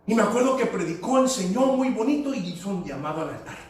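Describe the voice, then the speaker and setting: High-voiced pastor in echoey church. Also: male voice, sing-song, fast. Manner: storytelling, switching into English phrases. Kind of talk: preaching a sermon. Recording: echoey hall, voice from far off.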